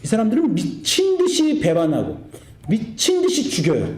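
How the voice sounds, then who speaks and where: A man in his forties preaching a sermon as pastor, animated and acting out family quarrels in quoted voices. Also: high voice, normal speed, echoey room.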